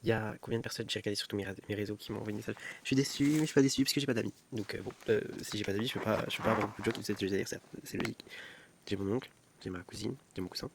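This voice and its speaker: A man's voice: fairly low pitch, fairly even intonation, rapid-fire, gravelly, noisy background. A young man filming a casual vlog at home on his phone, rambling and mocking himself, often restarting and repeating words. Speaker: vlogger. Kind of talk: casual self-filmed vlog. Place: at home at night.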